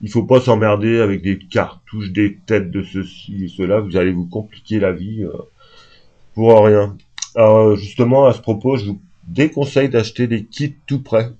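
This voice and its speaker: Just-woke-up guy vlogging off the cuff, lots of ums, low mellow voice. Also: steady tone, normal speed. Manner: rambling, hesitant, many fillers. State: just woken up. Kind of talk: unscripted casual talk to camera. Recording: dull lo-fi home recording.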